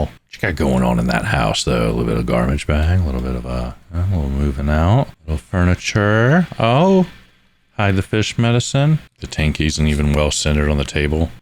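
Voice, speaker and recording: A man hosting a fishkeeping channel, reacting to photos in casual, wry commentary full of quick asides. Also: very deep voice. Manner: wry, joking, thinking aloud with quick asides.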